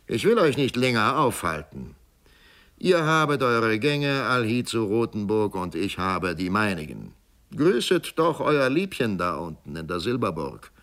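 A man's voice: fairly low pitch, bright, forceful tone, exaggerated voice. A man voicing a mocking, mock-polite older executioner who taunts his old enemy in a storybook reading. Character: sneering mocking male town executioner, older. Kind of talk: audiobook character voice.

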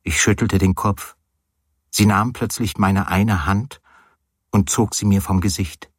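A man with a low, slightly husky voice reads a literary novel in the first person. His telling is wry and hesitant, and he gives the dialogue quiet, understated voices. The recording is close and dry, with no room sound. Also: fairly even intonation, measured pace, no echo. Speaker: audiobook reader. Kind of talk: literary audiobook narration.

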